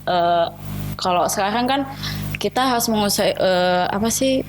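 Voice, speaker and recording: A woman's voice: mid-range voice, a little slow, over music, rough recording. A young woman chats casually as a podcast guest, chatty and giggly, with a lisp on her r's that keeps them from rolling. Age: young adult. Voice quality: lisped r, cannot roll her r's. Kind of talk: casual chat. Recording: clear background noise.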